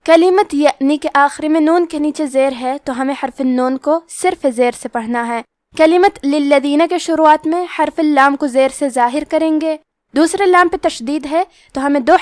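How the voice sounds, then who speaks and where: A woman teaching Quran recitation rules, explaining each letter and then reciting the words slowly. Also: high voice, dry recording, studio quality. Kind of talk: tajweed lesson with slow recitation.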